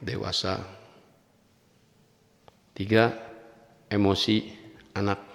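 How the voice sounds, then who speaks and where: A man's voice: fairly low pitch, flat delivery, drawn-out words, a bit bright. A man giving a religious lecture in a conversational way, often adding "ya" and telling anecdotes. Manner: conversational, frequent tag "ya", anecdotes with acted quotes. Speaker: preacher. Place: mosque or study hall. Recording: long hall reverb.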